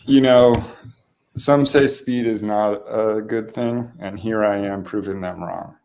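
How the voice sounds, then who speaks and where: A man's voice: fairly low pitch, steady tone, slow, darkish tone. A man co-hosting a live online show, making dry, playful asides. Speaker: co-host. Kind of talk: casual live-stream chat.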